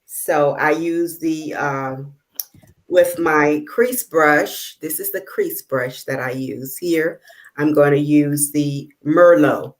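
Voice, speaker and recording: A woman runs a live makeup tutorial on a video call, her voice sitting low. She speaks haltingly with many fillers as she works, checking that viewers can see, in a casual demonstration style.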